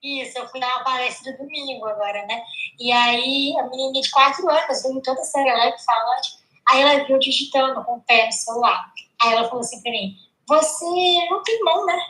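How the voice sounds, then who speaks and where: A Brazilian woman in her twenties, an interview guest telling stories in a lively, joking way and acting out the voices she quotes. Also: sits high, a little fast. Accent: Brazilian Portuguese. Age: 20s. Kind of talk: casual storytelling chat. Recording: roomy echo.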